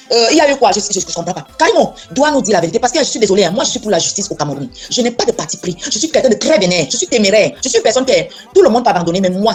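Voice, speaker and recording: A woman in a casual chat, blunt and insistent, often repeating herself. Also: mid-range voice. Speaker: co-host.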